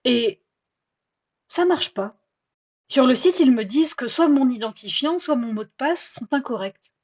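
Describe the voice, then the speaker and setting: A woman hosting a personal podcast, telling her own story in a chatty, self-mocking and expressive way. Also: sits high, moderate pace. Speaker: podcast host.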